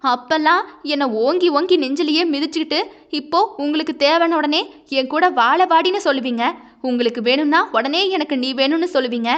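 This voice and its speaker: A woman's voice: sits high, brisk, fairly bright tone, muffled recording. A woman voicing a grieving young wife, impassioned and pleading through tears. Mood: defiant.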